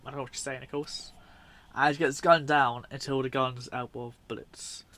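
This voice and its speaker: A man's voice: mid-range voice, steady tone, moderate pace, bright, forceful tone. A man giving casual, unscripted commentary on video clips in a rambling, informal way, often correcting himself. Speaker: video host.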